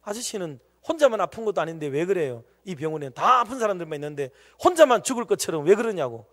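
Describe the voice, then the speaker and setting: A man's voice: sits high, big pitch swings, fast talker, voice pushed up. A man voicing a chatty, precocious nine-year-old girl in hospital, recorded with long church-hall reverb. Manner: pestering, cheeky, precocious.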